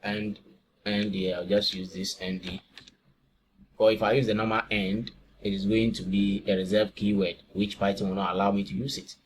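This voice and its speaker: A man's voice: lowish voice, moderate pace, slight background noise. A man from Ghana teaching a beginner coding lesson, walking through each step and asking himself questions before answering them. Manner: talks step by step, asks and answers own questions. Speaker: programming tutor. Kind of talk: screen-recorded coding tutorial.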